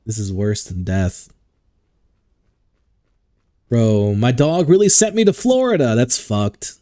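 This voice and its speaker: A man's voice: mid-range voice, animated, takes it slowly, mellow. A man giving crude, joking commentary while playing a video game, swearing often. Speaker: gaming streamer. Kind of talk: let's play commentary.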